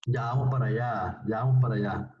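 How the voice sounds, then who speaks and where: A man's voice: medium pitch, a little fast, a little hiss or hum. A man teaching a language class, patiently repeating phrases and often checking that his students follow. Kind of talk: classroom lesson. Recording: distant, roomy, dull sound.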